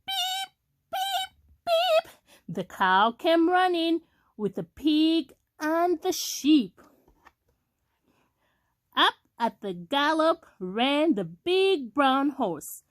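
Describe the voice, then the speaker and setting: Brief: young woman reading to kids, high voice, very slow, lively sing-song, dry close sound. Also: no room sound. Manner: slow, sing-song, talks directly to a child. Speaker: storyteller. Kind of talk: children's read-aloud.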